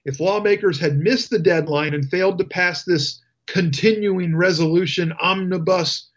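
A man's voice: high-pitched, normal speed, muffled recording. A male talk radio host delivering an indignant, sarcastic political rant. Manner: indignant, emphatic ranting with sarcasm.

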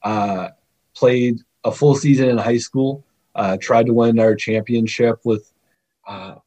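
A man as the guest on a podcast interview, chatty and animated, laughing often while he talks through his opinions. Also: medium pitch, slow, low-quality recording. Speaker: scouting guest.

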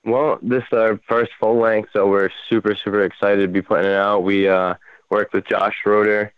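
Band guest, man, smooth low voice, casual and rambling, slightly dull audio. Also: flat delivery, normal speed, no echo. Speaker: band member, interview guest. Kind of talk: casual interview chat.

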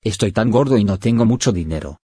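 Whiny, defensive chubby young guy, read by a man, husky low voice, dry audiobook sound. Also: lively intonation, quick pace, mellow, no room sound. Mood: aggrieved. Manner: complaining, defensive.

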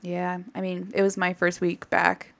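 A woman in her thirties hosting a podcast in casual chat, candid and relaxed, swearing now and then and laughing easily. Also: fairly low pitch, a little slow, vocal fry. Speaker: podcast host.

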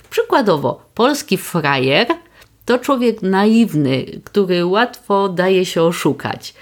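A woman hosting a podcast, calmly explaining facts in a scripted, measured way. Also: lowish voice. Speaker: podcast host and proofreader.

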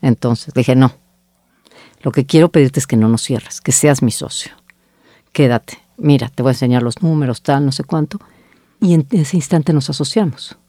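Mellow-voiced woman telling her story. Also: a bass voice, moderate pace, no room sound, studio quality. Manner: lively, quotes herself and others in dialogue. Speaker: agency founder, guest. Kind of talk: storytelling in a conversational interview.

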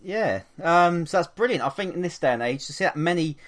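A man's voice: a little high, lively intonation, fairly quick. A man from England hosting a casual podcast, chatty and upbeat, with frequent ums and fillers. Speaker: podcast host.

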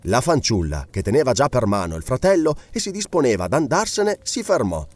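Expressive male audiobook narrator. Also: mid-range voice, brisk, dry recording. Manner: expressive, varied storytelling.

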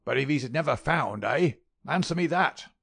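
Cranky old miser lord, high and crackly, snapping out every word as a man reads him. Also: animated, normal speed, vocal fry, exaggerated voice. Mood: indignant, stingy. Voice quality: sharp crackling voice. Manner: jerky, intense, scolding.

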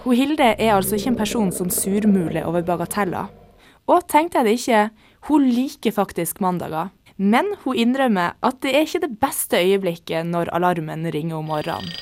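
A woman's voice: medium pitch, expressive, background noise. A Norwegian woman hosting a radio show, interviewing a guest and narrating scripted links.

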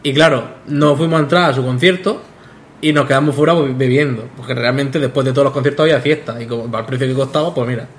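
A man's voice: mid-range voice, steady tone, fast talker, a little hiss or hum. A man hosting a casual podcast chat, joking crudely and telling stories. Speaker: podcast host.

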